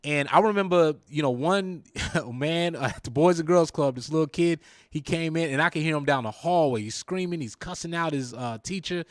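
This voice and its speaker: Talk host, male, Southern American accent, lively storyteller, slightly high voice. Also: normal speed, no echo, clean studio sound. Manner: animated storyteller, acts out quoted lines. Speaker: radio show host. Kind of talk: casual talk show chat.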